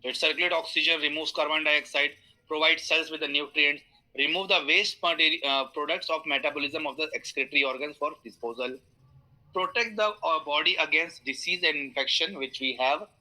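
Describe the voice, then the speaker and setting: Bright-voiced Indian English instructor. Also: male voice, fairly high pitch, fairly quick, low-quality recording. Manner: explains with homely analogies, many fillers, invites questions. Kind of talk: online class lecture.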